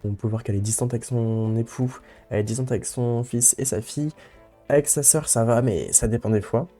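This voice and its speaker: A young man talks his viewers through his game in a loose, casual way. His voice is mellow and warm, and he keeps looping back with fillers and half-started phrases. Soft music runs faintly behind him. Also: mid-range voice, a little fast. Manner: rambling, many fillers and restarts. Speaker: let's play host. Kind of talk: casual gameplay commentary.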